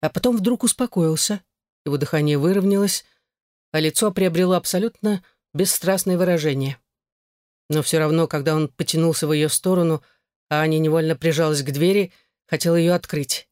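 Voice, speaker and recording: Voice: mid-range voice, a little fast, a little mellow, dry recording, studio quality. An audiobook narrator reading a novel aloud in scripted narration.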